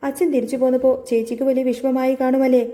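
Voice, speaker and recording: A woman's voice: high voice, flat delivery, fast, warm tone, natural voice. A woman reading the lines of a young son who questions his father, saddened. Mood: upset.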